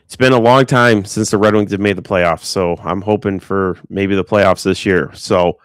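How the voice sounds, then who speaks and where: A man's voice: sits low, steady tone, clean tone, no echo, poor audio. A man hosting a sports podcast, talking in a friendly, easygoing way. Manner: friendly, agreeable, quick asides. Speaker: podcast host. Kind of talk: casual sports talk.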